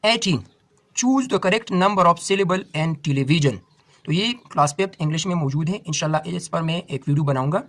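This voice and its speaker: High-voiced Pakistani man teaching. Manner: steady explaining, reads English questions slowly. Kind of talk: exam-prep lesson, solving a test paper.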